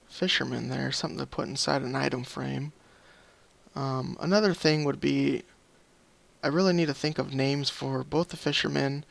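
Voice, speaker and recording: With no room sound in the recording, a male host of a gaming video series delivers laid-back Minecraft let's play commentary, wandering and apologetic, voicing his thoughts mid-game. His mid-range voice is a bit bright, tired and a touch scratchy, with vocal fry.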